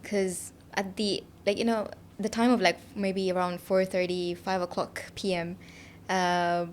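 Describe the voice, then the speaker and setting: This young woman's voice is lowish, flat, and unhurried as she appears as a student guest on a podcast. Still, she chats cheerfully in the casual interview, with frequent laughs and fillers like "like" and "you know," against faint studio noise.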